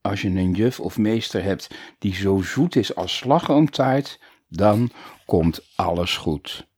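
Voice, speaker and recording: A man narrating a children's storybook in a playful, animated way. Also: low voice, takes it slowly, husky, no room sound, studio quality. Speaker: audiobook narrator.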